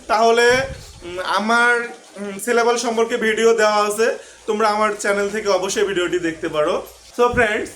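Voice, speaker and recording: A man's voice: sits high, fairly bright tone. A man teaching an online grammar lesson. He mixes English words into his speech and keeps putting rhetorical questions to his students. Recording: echoey room with faint background noise.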